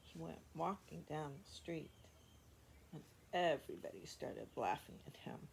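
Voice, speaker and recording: Slow gravelly woman reading a storybook. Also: sits low, expressive, slight background noise, rough recording. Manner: gentle, unhurried, with soft whispered asides. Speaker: preschool story reader.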